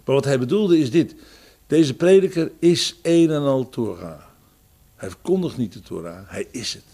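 A man's voice: mid-range voice, lively intonation, moderate pace, vocal fry. Reflective male preacher. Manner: reflective, quoting psalms and scripture; swings between raised emphasis and quiet, dropped phrases. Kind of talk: sermon.

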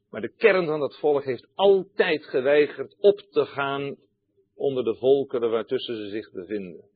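A man's voice: medium pitch, slightly rough. A male preacher giving a sermon, emphatic, repeating key phrases and addressing his listeners directly, heard over a tinny, phone-like line.

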